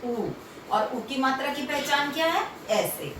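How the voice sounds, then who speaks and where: A woman teaches children how letters sound, drawing out each one at a slow, patient pace. Her voice is a little high, and it rises and falls in a lively sing-song. She is recorded from some way off in an echoey room with a faint hum behind her. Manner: slow, drawn-out enunciation of sounds. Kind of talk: children's phonics lesson. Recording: echoey room, distant from mic.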